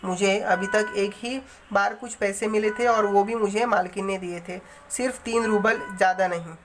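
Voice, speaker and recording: A shy young governess who answers meekly with a trembling, tearful voice, as a woman reader plays her. She sits at an average pitch and barely pushes back. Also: steady tone, moderate pace, over music, natural voice. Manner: meek, trembling.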